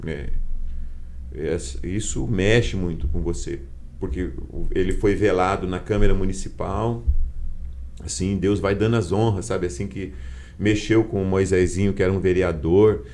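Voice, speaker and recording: Speaking at normal speed in a deep, steady, slightly mellow voice, a bishop with a Brazilian Portuguese accent recounts a heartfelt testimony in a podcast conversation, acting out the quoted lines. Slight background noise is present.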